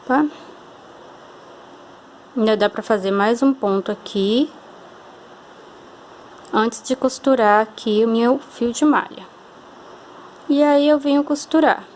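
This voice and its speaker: A high-pitched Brazilian woman explains a sewing technique step by step, patient and reassuring. She keeps checking in with the viewer as she works. A faint hiss sits under her voice. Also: slow pace, pauses often, darkish tone. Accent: Brazilian Portuguese. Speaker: craft teacher. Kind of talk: hands-on sewing tutorial.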